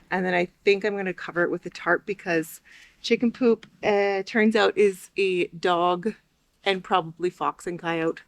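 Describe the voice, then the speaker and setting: A woman's voice: fairly low pitch, no echo. A young woman chatting casually to viewers while doing chores outdoors by a chicken coop, with frequent ums. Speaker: homesteading vlogger. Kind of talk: casual vlog narration.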